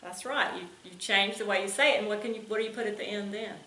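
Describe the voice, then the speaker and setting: A woman's voice: medium pitch, fast, pushed and bright. A woman, a homeschooling mother, patiently asking her son grammar questions. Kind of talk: teaching her child grammar. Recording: echoey room.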